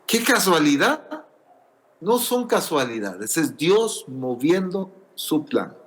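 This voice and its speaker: A man's voice: on the high side, sing-song, slow. A man preaching a sermon in church, earnest and explanatory, asking rhetorical questions.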